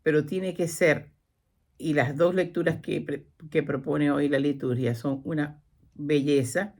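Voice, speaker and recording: A woman's voice: deep voice, steady tone, a little slow, darkish tone. Woman retelling scripture with acted quotes. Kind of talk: religious talk show.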